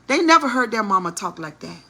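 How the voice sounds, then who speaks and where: A woman telling a family story in a vlog, indignant and preachy, sometimes dropping to a hush. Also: medium pitch, big pitch swings, a little fast, vocal fry. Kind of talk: slow, heated storytelling monologue.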